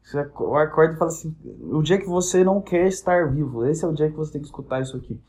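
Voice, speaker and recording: Profane, animated young man telling stories. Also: on the high side, fast. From Brazil. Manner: animated storytelling, acting out quoted voices; crude, profane humor. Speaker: podcast host. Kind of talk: casual comic monologue.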